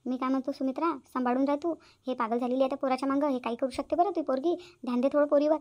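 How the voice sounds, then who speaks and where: Brief: advice-giving cartoon auntie, voiced by a woman, quick delivery. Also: high-pitched, fairly even intonation, lo-fi sound, natural voice. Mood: coaxing. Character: meddling middle-aged neighbor aunt, advising. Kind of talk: cartoon voice acting.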